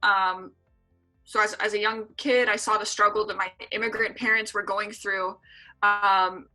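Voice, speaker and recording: Speaking unhurriedly with little pitch movement, a woman in her twenties from San Diego, California, answers interview questions earnestly as a guest, with frequent fillers; she is an EMT. Her medium-pitched voice is bright and forceful. Faint music sits behind the rough recording.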